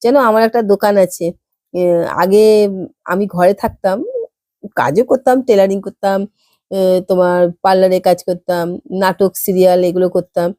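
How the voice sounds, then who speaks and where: A woman's voice: mid-range voice, normal speed, long pauses, dry recording, studio quality. A woman from Kolkata with a West Bengal accent, telling a story to her viewers in a chatty vlog style and acting out the dialogue. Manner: lively, acts out dialogue in voices. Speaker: vlogger.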